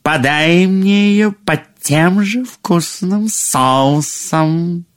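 Storybook villain: a man putting on a greedy old witch queen, raised pitch, slow and lingering menace. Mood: menacing. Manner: slow, drawn-out commands.

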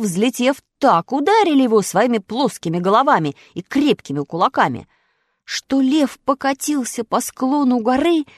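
A woman narrating a children's fairy tale with lively, expressive storytelling. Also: high-pitched, no room sound, studio quality. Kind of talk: audiobook fairy-tale reading.

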